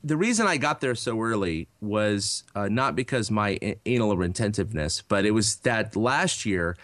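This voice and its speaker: Animated man telling a long story. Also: on the low side, normal speed, no echo. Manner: rambling storyteller with many fillers and restarts. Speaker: podcast co-host. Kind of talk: casual chat.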